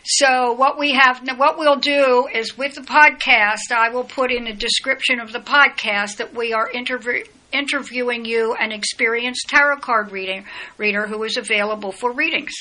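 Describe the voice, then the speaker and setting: A woman hosts a casual podcast interview, steering the talk in a practical, matter-of-fact way. Her voice sits a little high and sounds bright and clear. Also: fairly even intonation, moderate pace, rough recording. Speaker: podcast host, astrologer.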